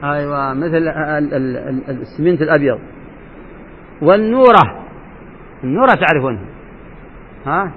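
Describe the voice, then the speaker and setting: A man's voice: on the high side, expressive, moderate pace, long pauses. A man sheikh teaching a jurisprudence lesson, asking his students questions and repeating key points. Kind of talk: classroom lesson explaining a text. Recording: dull lo-fi recording with faint hiss.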